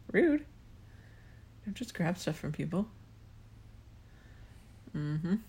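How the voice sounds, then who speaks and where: Husky, lively woman co-host. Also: lowish voice, drawn-out words. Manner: laughs often, animated reactions. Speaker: podcast co-host. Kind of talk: casual watch-along commentary.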